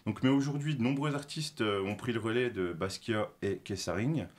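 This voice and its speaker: A man's voice: fairly low pitch, normal speed. A man presenting a segment on a talk show, explaining from his notes with a lot of filler sounds, self-corrections and light self-mocking asides.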